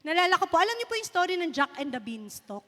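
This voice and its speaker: A woman's voice: extremely high pitch, very animated, quick pace, sharp tone. A woman pastor in her thirties with a Filipino accent, preaching a storytelling sermon and mixing Filipino with English. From Philippines. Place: church sanctuary. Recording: long reverb of a hall.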